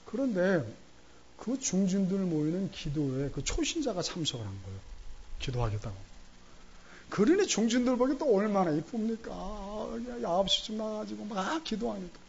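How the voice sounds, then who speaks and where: A male pastor delivers a Sunday sermon in a church sanctuary, with a somewhat high and very animated voice that rises and falls as he tells a story. He brings the story to life by acting out the voices of the people in it. The recording is a bit dull, with faint room noise behind him. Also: normal speed, creaky, husky.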